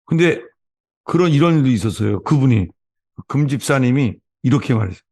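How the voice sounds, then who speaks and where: A man's voice: medium pitch, animated, a little fast, creaky, a little mellow. A male pastor preaching a sermon, telling stories and acting out the quoted voices. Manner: storytelling, acts out quoted voices. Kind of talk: sermon with anecdotes. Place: church sanctuary.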